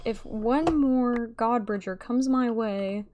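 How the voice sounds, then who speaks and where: A woman giving playful, excitable commentary over her gameplay, talking to her viewers. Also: a little high, slow, slight background noise. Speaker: gamer.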